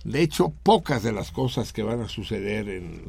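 A man's voice: on the low side, sing-song, normal speed, vocal fry, a little mellow, slight background noise. A man with a Mexican accent hosting a radio talk show, rambling in an ironic, theatrical, joking way. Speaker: radio host. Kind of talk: joking comedic radio banter.

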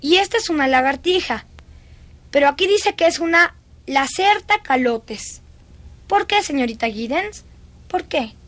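A woman's voice: high voice, expressive, unhurried, pauses often, fairly bright tone. A woman dubbing a dreamy, eerie little girl who is fascinated by dead beetles, in a lingering, singsong, childlike way. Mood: chatty. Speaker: dubbing actress. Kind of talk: film dubbing.

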